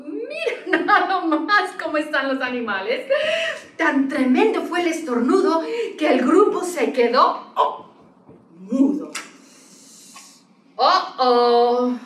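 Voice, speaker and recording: A woman's voice: high-pitched, sing-song, slow pace, pauses often, a bit bright. A woman hosting storytime, reading a picture book aloud to a child in a playful way, with sound effects and questions. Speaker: storytime host. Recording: echoey room, mic at a distance.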